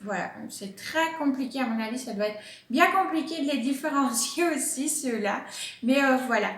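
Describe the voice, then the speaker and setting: A woman's voice: high-pitched, lively intonation, normal speed, roomy sound. A woman hosting a plant vlog from home, explaining in a casual, chatty way with many hesitations and fillers. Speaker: plant channel host.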